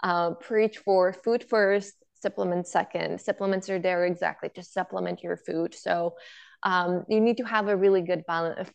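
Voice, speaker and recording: Gravelly-voiced woman from Bulgaria. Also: lowish voice, fairly even intonation, normal speed. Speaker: guest, product founder. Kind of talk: podcast interview.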